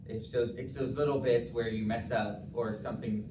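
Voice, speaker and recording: A man's voice: medium pitch, steady tone, moderate pace. A young man defending his thesis, answering examiners' questions in a hesitant, hedging way as he rephrases his points. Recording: echoey room, distant mic, clear noise.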